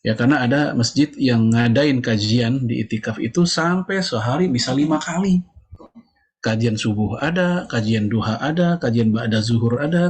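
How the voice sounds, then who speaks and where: A middle-aged man giving a casual religious lecture, conversational, with joking asides and frequent filler words. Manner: lively pitch jumps for emphasis. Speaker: Islamic preacher.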